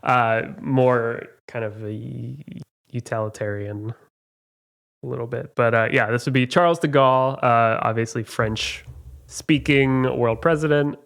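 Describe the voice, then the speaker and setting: A man hosting a casual trivia podcast, reading questions in a halting, chatty way and laughing at his own mistakes. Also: mid-range voice, creaky, fairly bright tone. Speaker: trivia quiz host.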